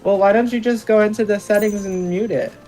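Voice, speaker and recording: A co-streamer chats alongside a gameplay stream in an even, mid-pitched voice, reading out chat messages and making dry, teasing asides. Loud game music plays underneath. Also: fairly quick, poor audio.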